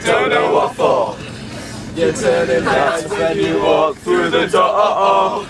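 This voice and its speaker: Teenage lad singing along on a noisy bus. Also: male voice, a little high, fairly even intonation, takes it slowly. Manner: sings along loudly to pop songs. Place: crowded coach bus. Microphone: phone camera. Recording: loud phone video over music and crowd. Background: music and a crowd of lads chattering.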